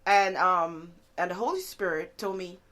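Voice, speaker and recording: A woman's voice: fairly low pitch, moderate pace. Earnest woman sharing a faith testimony. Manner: earnest, many fillers like "like" and "you know"; animated storytelling with laughter. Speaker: guest author. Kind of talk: conversational interview testimony.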